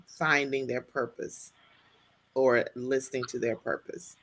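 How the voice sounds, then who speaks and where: A woman hosting a talk show in casual chat, an affirming and playful interviewer who drops in quick asides. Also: very deep voice, fairly even intonation, fairly bright tone.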